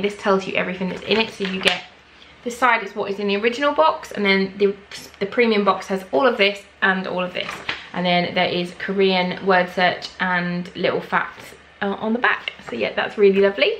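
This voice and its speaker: A young English woman chatting excitedly as she tries snacks on her vlog at home, gasping at what she finds. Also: medium pitch, moderate pace, few pauses, slight background noise, low-quality recording. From England. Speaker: vlogger. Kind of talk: casual snack-tasting vlog.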